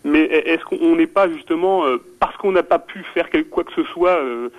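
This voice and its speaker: Halting man calling in by phone. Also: fairly high pitch. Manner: halting, many restarts and repeated words; earnest, intellectual questioning. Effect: caller heard over a phone line on a radio show. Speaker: radio show caller. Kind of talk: calling in to a radio debate.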